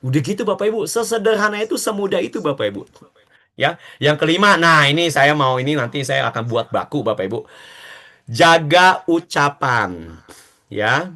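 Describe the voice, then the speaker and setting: A man giving a lively motivational talk to network marketing members, urging them on and acting out short dialogues. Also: a little high. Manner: animated and exhortative, acting out quick dialogues.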